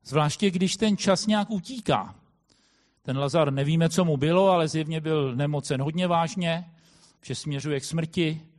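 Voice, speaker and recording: A man preaching a sermon in a thoughtful way, often pausing with hesitant fillers as he explains. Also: on the high side. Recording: long hall reverb.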